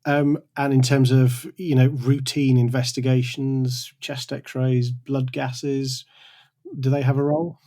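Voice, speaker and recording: A man's voice: medium pitch, flat delivery, takes it slowly, warm tone. A man hosting a medical podcast, asking questions in a conversational, slightly hesitant way. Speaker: podcast host. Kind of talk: podcast interview.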